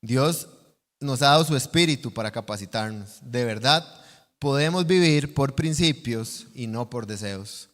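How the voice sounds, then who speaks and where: Costa Rican male preacher, mid-pitched, earnest teaching sermon, church hall reverb. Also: lively intonation, measured pace, fairly bright tone. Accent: Costa Rican Spanish. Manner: earnest, teaching, asks the congregation questions. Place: church sanctuary.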